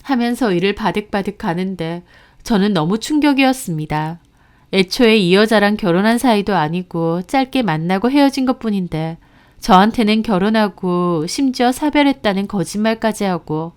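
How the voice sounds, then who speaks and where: A woman storyteller reading a scripted story in a steady, even manner. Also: medium pitch, clean tone.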